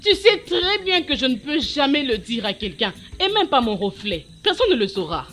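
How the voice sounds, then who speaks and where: A secretive young woman in love, guarded and evasive. Her pitch is a little high and very lively. It is dubbed film acting. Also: normal speed.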